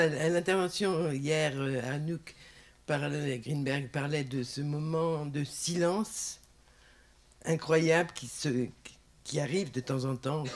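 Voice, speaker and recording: Man, fairly high voice, very slow pace, halting, audience question at an academic talk. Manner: halting, repeats words. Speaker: audience member asking a question.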